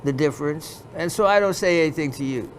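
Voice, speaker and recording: Guy imitating a pakistani accent gem dealer, high and pushy, keeps repeating himself. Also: quick pace, slight background noise, lightly acted, rough recording. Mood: apologetic. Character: apologetic male gem dealer, adult, matter-of-fact.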